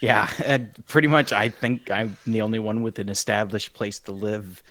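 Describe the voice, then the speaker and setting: A man's voice: lowish voice, steady tone, moderate pace, a bit bright, dry recording. A man playing a big character in a tabletop game, joking and speaking formally in character. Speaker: tabletop player. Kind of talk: in-character banter.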